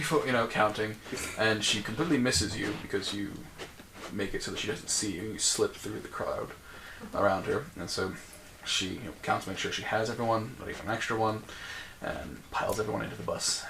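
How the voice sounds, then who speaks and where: A man's voice: on the low side, vocal fry, a bit bright, a little hiss or hum, low-quality recording. A man narrating as game master in a loose, rambling way with many fillers.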